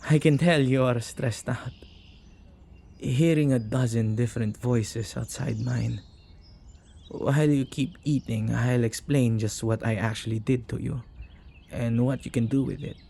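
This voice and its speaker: Close to the listener, a man with a husky, gravelly voice plays an excitable, caring witch who keeps ghosts for company in a chatty ASMR roleplay. He speaks at medium pitch, unhurried, with long pauses; there's a little hiss or hum, and the feel is casual and teasing.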